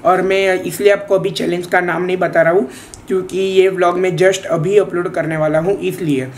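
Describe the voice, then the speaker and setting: A man's voice: high-pitched, little pitch movement, moderate pace, slight background noise. A young man casually chatting to his viewers in a home vlog, playful and talkative. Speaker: vlogger.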